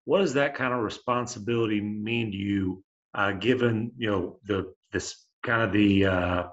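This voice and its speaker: A man with a lowish voice asks a long question full of fillers over a video call. The sound is dull and muffled. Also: fairly bright tone. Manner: rambling, many fillers. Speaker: reporter. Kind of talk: press conference question.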